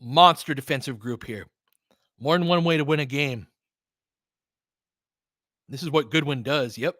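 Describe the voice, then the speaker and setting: In studio-quality audio with no echo, a man with a medium-pitched, slightly bright voice hosts live basketball commentary as a partisan fan. He calls plays in short, clipped phrases and breaks down tactics conversationally.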